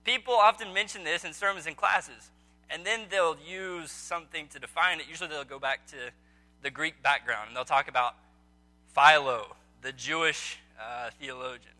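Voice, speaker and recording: A man with a fairly high voice speaks at a moderate pace, his tone bright and forceful. He's leading an evening Bible study in an indoor meeting room, chatting casually with a small group, quizzing them and saying "um" a lot.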